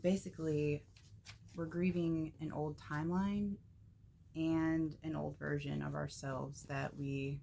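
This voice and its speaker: A woman with a low, gravelly voice talks slowly, stumbling over her words and filling the gaps with ums. She hosts a casual spiritual message video with a faint hum of room ambience behind her. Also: fairly even intonation, warm tone. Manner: halting, tongue-tied, slow with many ums. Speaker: spiritual channel host.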